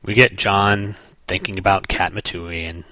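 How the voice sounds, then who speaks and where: A man with a fairly low voice walks through a comic book page by page in casual commentary. He drops wry, sarcastic asides as he goes. The recording sounds dry and close. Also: fairly even intonation, normal speed, bright, forceful tone, no echo. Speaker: podcast host reviewing comics.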